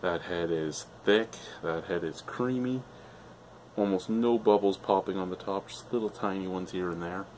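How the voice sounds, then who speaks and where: Indoors in his living room, a middle-aged man films a laid-back beer review, enthusiastic, meandering, and liberally profane. His voice sits low and a little mellow at a moderate pace, with a bit of hiss or hum on the recording.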